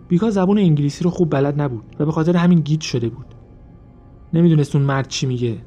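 Male narrator, dark mellow tone, steady measured true-crime storytelling over soft music. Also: a little high, highs cut off. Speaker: podcast narrator.

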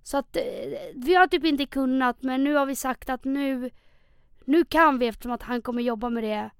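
A woman's voice: sits high, smooth, dry recording, clean studio sound. A 25-year-old woman chatting animatedly as a podcast co-host, often stumbling over her first words. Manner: animated, chatty, repeats words when starting. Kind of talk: casual chat.

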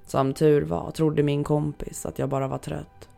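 Gravelly, dark-toned horror storyteller. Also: medium pitch, level tone. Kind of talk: scripted horror story reading. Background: faint background music.

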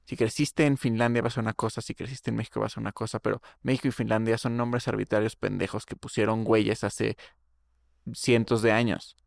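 Un hombre joven con acento mexicano, copresentador de un pódcast, opinando en charla casual con muchas muletillas y groserías. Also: male voice, on the low side, level tone, fairly quick, creaky, no room sound, clean studio sound. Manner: opinionated, slangy, rambling. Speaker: podcast co-host. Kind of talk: casual chat.

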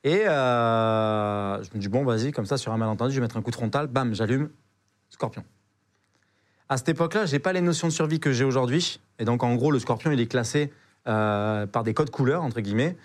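A young man tells an adventure story as a podcast guest, loose and slangy. He stumbles and repeats words as he goes, and his pitch sits in an ordinary middle range. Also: brisk. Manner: slangy, animated, full of hesitations and repeated words. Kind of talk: casual storytelling.

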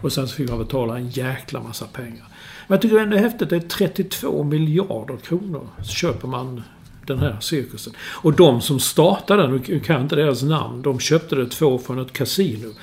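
A man's voice: medium pitch, lively intonation, creaky, darkish tone. A man in casual sports chat, explaining business details with enthusiasm and the odd swear. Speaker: podcast co-host.

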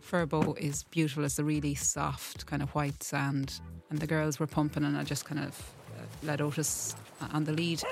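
A woman's voice: low-pitched, little pitch movement, normal speed, gravelly, hardly any pauses, soft background music. A middle-aged woman, telling a story casually as an interviewee.

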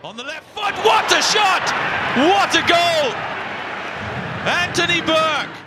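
A man giving excited live football commentary with long, drawn-out goal yells. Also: very high-pitched. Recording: loud crowd noise, noisy broadcast clip. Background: roaring stadium crowd.

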